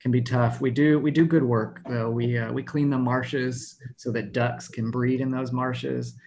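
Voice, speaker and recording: A man in his thirties performing a rambling, deadpan stand-up comedy set over a video call, chuckling at his own jokes. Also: medium pitch, a little slow, creaky. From Texas. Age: 30s.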